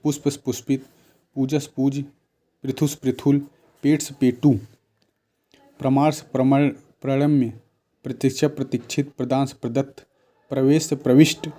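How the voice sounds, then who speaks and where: A man's voice: mid-range voice, little pitch movement, normal speed, long pauses, warm tone. A man teaching a grammar lesson, reading off word lists and asking and answering his own questions.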